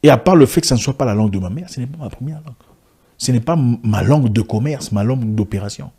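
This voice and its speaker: Quick-paced and lively in intonation, his mid-range voice is warm but slightly rough. He is an online video commentator giving an impassioned monologue to camera, with frequent restarts and rhetorical questions. His first language is an African language rather than French.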